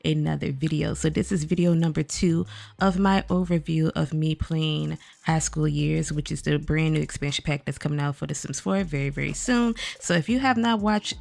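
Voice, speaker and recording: A woman's voice: sits low, steady tone, moderate pace, creaky, a little mellow. A woman creator giving a casual overview of a new game pack, chatting straight to her viewers with a groggy morning voice. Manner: chatty, addresses viewers directly as "y'all". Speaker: gaming video creator.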